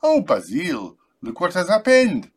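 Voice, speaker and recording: A man putting on a shrill, hammy French accent. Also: wildly swooping pitch, measured pace, slightly rough, exaggerated voice. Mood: mock scolding. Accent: put-on heavy French. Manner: theatrical, exaggerated swoops. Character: flamboyant Frenchwoman scolding a naughty Basil.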